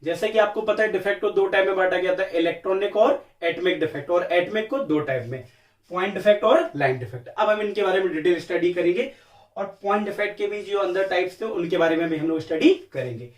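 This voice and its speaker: A high-pitched man lectures on chemistry, posing questions and then answering them in the students' place, repeating each key term like a call and response. His voice sits back from the mic in a roomy, echoing space. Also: quick pace, recorded from a distance. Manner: calls listeners beta and sir. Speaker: chemistry teacher. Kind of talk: classroom lecture. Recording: echoey room, voice from off-mic.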